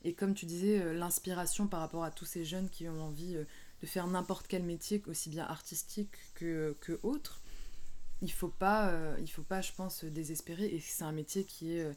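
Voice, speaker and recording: A woman's voice: fairly low pitch, steady tone, normal speed, a little mellow. A woman interviewing a guest, thoughtful and hesitant, with many fillers. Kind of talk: casual interview conversation.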